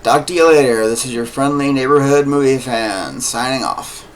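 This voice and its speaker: A man giving a casual spoken film review, earnest and unhurried, with many fillers. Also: mid-range voice, expressive, slight background noise, rough recording. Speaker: movie reviewer.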